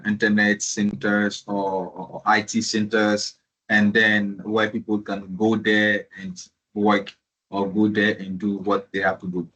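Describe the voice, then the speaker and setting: A male panelist with a husky, low voice that stays flat in pitch. He repeats words and rambles as he answers the question. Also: low-quality recording. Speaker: online panelist.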